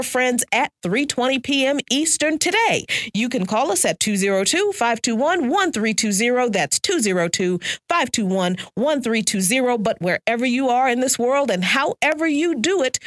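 A woman hosts a talk radio show from the studio, her voice sitting a little high. She talks in a lively, animated way and often breaks into laughter. The sound is close and dry. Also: dry recording. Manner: lively, laughs while talking. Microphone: studio microphone.

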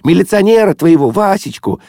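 A man voicing a shy, joyful young woman who speaks in an eager hushed whisper. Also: sits high, lively intonation, a little fast, gravelly, dry recording, clean studio sound, pitched above the performer's own voice. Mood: excited.

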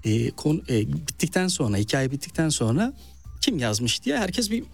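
Lively storytelling man, eastern accent. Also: fairly high pitch, normal speed, vocal fry, no echo, faint music behind. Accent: eastern Turkish. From Malatya, eastern Turkey. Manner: animated storyteller, acts out quoted speech. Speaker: novelist and stage actor. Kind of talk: interview storytelling.

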